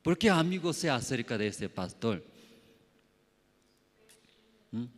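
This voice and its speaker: Pastor guy preaching slow, voice jumping all over, big hall echo. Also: mid-range voice. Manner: animated storytelling with sound effects and acted quotes, halting non-native phrasing. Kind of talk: sermon. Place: church hall. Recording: long church hall reverb.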